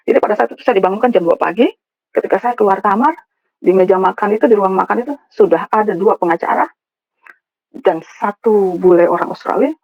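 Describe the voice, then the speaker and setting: A woman's voice: mid-range voice, a little fast, no room sound. A woman from West Java giving an emotional personal testimony to a congregation, often turning to address the listeners directly. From West Java (Sundanese). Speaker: church testimony speaker. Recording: dull, dry recording.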